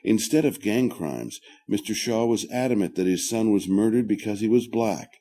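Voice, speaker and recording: A male narrator with a low, mellow voice reads scripted documentary narration. the delivery is measured and even.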